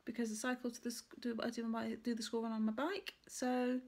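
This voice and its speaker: A woman vlogger muses on camera about her crafts and stitching in a casual, rambling way, stopping to correct herself as she thinks. Her voice is a little high and a little mellow, with little pitch movement, and she talks fairly quickly.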